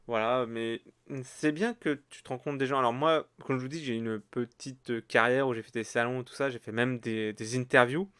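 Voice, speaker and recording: A man's voice: medium pitch, a bit bright, clear, resonant tone, no echo, clean studio sound. A man hosting a casual solo podcast, rambling with many fillers and restarts. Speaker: podcast host.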